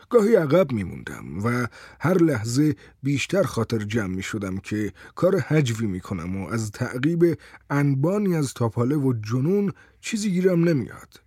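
A man narrating a first-person story in a calm, wry way. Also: medium pitch, breathy edge, dry recording, studio quality.

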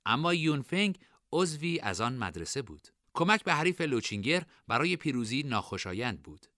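A man narrating a novel as an audiobook, with expressive, varied storytelling. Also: medium pitch, dry recording, clean studio sound. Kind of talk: scripted narration.

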